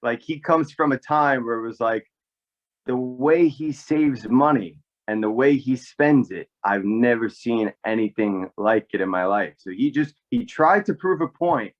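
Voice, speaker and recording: A man from New York telling a family story casually, animated and full of fillers. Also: mid-range voice, dull audio. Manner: animated, rambling with many fillers. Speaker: podcast guest, actor.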